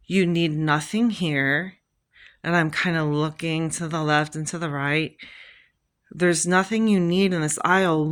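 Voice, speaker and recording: Woman sharing a faith story at a slow, easy pace; acts out the people in it. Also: on the low side, a bit bright. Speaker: speaker sharing a personal testimony. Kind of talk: casual spoken testimony.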